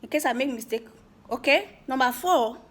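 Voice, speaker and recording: A woman's voice: high-pitched, animated, normal speed, fairly bright tone. A woman with a Nigerian accent speaks Nigerian Pidgin in an informal, emphatic rant to viewers, teasing and repeating words for effect. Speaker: vlogger giving social commentary.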